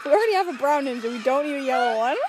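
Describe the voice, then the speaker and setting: A woman's voice: sits high, expressive, very fast, very noisy. A woman chatting casually and playfully as she reacts to a show. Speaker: podcast host. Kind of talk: casual reaction chat while watching a cartoon.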